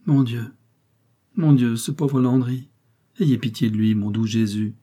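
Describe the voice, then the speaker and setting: A man voicing a gentle, pious peasant wife who pleads softly in an audiobook reading. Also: medium pitch, measured pace, slightly rough. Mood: pleading. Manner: soft, imploring.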